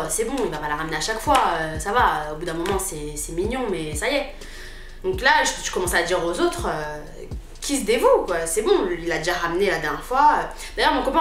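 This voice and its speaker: Young woman, animated storytelling, mid pitch, roomy echo. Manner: animated slangy storytelling, acts out dialogue. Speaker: YouTuber. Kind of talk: storytime vlog, casual chat.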